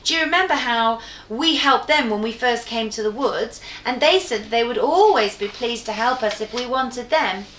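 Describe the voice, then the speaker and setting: A woman voicing an anxious, quick-thinking young girl who speaks high and urgent in a storybook reading, in an echoey room. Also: animated, a bit bright.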